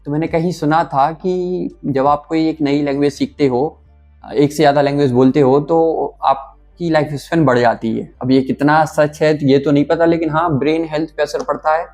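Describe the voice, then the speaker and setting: A young man with an Uttar Pradesh accent, casually vlogging about learning a language and slowly sounding out new words. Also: on the high side, faint music behind. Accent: Uttar Pradesh Hindi. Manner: relaxed, thinking aloud with fillers, slowly sounding out words. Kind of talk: casual talk to camera.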